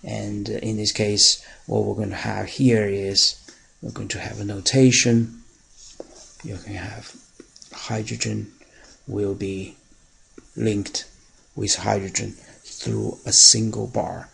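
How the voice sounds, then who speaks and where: A man teaching chemistry in a recorded lecture, explaining step by step with pauses and fillers and stressing key words. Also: lowish voice, flat delivery, fairly bright tone, a little hiss or hum, poor audio. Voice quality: very gravelly and raspy.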